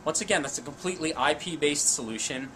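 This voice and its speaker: Speaking fast in a high-leaning, slightly bright voice, a man in his forties runs through an informal technical product demo. He keeps his language plain. The setting is an indoor equipment lab or demo room, and there's noticeable background noise.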